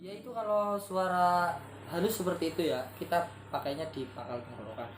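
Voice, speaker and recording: Man, chatty singing tutorial, halting and searching for words, roomy echo. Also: high voice. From Kebumen, Central Java, Indonesia. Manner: rambling, searching for words, clears throat often. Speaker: singer giving vocal tips. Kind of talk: casual spoken tutorial. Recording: roomy echo, faint background noise.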